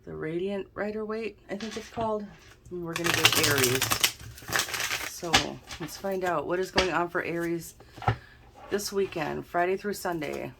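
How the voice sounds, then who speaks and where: Heavy background noise surrounds this tarot reader and channel host, whose very deep, low voice is gravelly and somewhat stuffed-up. She works through a reading at normal speed, musing aloud in a relaxed, chatty way.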